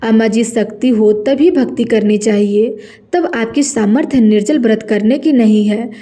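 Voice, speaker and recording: A woman's voice: a little high, normal speed, dark tone, natural voice. A woman voicing worried family members who coax their grandmother in a story. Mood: concerned. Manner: coaxing, concerned.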